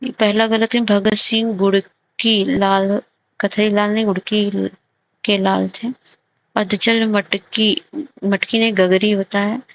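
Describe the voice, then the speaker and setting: A woman teacher slowly explaining grammar test answers, repeating and correcting phrases as she goes. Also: medium pitch, level tone, no echo. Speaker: exam prep teacher. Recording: dull lo-fi recording.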